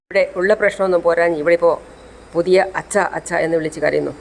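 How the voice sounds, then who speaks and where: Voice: mid-range voice, steady tone, fast, gravelly, a little hiss or hum, natural voice, rough recording. Narrator doing a cold, irritated mother. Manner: irritated, dismissive. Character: cold dismissive young mother.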